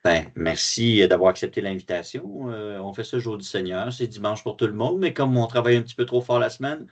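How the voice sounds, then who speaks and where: A jovial man with a Quebec French accent hosts a casual interview, and his very low voice comes through dull and lo-fi. He keeps a playful tone and leans on fillers. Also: a little fast. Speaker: host, mortgage broker.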